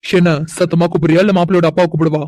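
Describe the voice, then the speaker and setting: A man's voice: fairly high pitch, level tone, racing, mellow, dry recording, clean studio sound, close to an everyday voice. A man voicing a smug teasing cartoon guy. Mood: taunting. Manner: teasing, mocking. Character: mocking young man, taunting guest. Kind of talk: cartoon voice acting.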